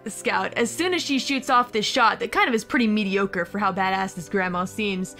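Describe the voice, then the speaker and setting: A woman's voice: medium pitch, normal speed, bright, forceful tone, soft background music. A woman narrating a tabletop game as game master, casual and often laughing.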